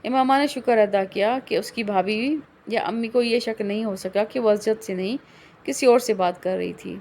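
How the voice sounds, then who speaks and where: A woman narrating a novel as an audiobook in a steady, even storytelling way. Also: mid-range voice.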